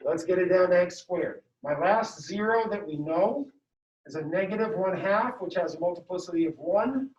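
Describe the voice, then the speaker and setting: High-voiced man teaching math in class. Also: normal speed. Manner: upbeat, walks students through steps. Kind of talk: classroom lecture. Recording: dull echoey room sound from far off.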